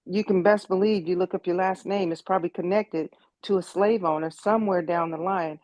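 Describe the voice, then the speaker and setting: A woman's voice: fairly low pitch, steady tone, brisk, darkish tone, no echo, low-quality recording. A woman in her sixties from the United States, giving earnest personal testimony in an online meeting and repeating words as she thinks. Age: 60s. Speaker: meeting participant.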